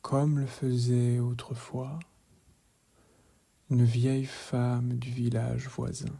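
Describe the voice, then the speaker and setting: A man leading a guided relaxation meditation in a calm, measured voice, soft and hushed, often slipping into a whisper. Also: medium pitch, gravelly, breathy edge. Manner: calm, measured, gently instructive.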